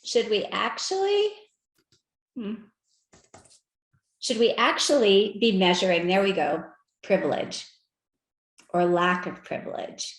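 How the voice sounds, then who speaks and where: A woman giving a conference talk with slides, animated and conversational, often asking the audience direct questions. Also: mid-range voice, slow, long pauses, roomy sound. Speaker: speaker at an equity research event. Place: virtual event.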